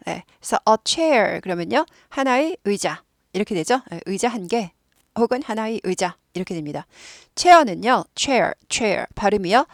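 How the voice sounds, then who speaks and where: A woman's voice: medium pitch, creaky, dry recording, studio quality. A woman teaching an English lesson, explaining patiently and repeating words many times for learners to copy.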